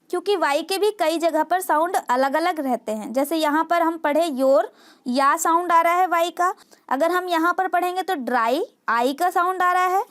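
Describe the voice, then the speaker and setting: A woman's voice: very high-pitched, fairly bright tone. A woman teaching English phonics to parents, spelling out letters and sounding out words one by one. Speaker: home tutor teaching English reading.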